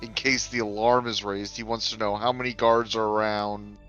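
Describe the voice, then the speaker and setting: A man's voice: lowish voice, flat delivery, moderate pace, a bit bright, dull audio, soft background music. A man playing a tabletop game, chatty and explaining his character's moves, often correcting himself. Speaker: player.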